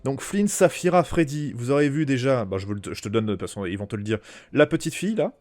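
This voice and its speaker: A man's voice: medium pitch, expressive, quick pace, darkish tone, no echo. Male game master with a dry sound. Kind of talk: narrating a tabletop role-playing game.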